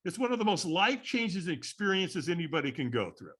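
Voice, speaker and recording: A man tells a story on a podcast with a bright, slightly husky voice. His pitch climbs and falls all over the place as he acts out the people he quotes. He laughs often between his lines. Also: sing-song, fast talker. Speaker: guest, firewalking instructor. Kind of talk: animated storytelling in a podcast interview.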